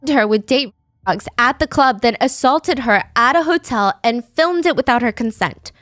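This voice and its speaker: A woman's voice: a little high, animated, normal speed, fairly bright tone, dry recording, clean studio sound. A woman casually recounting a true crime case, talking conversationally and slipping into voices when she quotes people.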